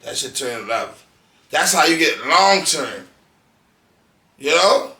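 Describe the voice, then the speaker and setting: A man's voice: on the high side, sing-song, slow pace, sharp tone, distant mic. A man speaking as a podcast guest, telling blunt, profane stories and acting out quotes in casual conversation. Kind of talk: casual interview chat. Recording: echoey room, off-mic.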